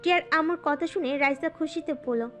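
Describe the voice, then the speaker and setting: A woman doing scripted narration of a romance audio story in a smooth, even storytelling manner. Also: high-pitched, a little fast, soft background music.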